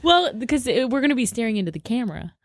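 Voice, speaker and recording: A woman's voice: on the high side, very animated, fast talker, dry recording, studio quality. A woman co-hosting a comedy podcast in casual, joking chat. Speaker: podcast co-host. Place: studio.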